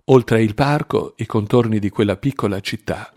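A man reading a dark novel aloud in measured, dramatic narration. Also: lowish voice, faint music behind. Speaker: audiobook narrator. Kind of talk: scripted narration.

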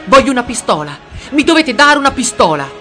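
A reader voicing a desperate teenage boy who shouts for a gun, over music. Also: sits high, very animated, a little fast, voice pushed up. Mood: shouting. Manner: shouting, emotional. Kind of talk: audiobook character reading.

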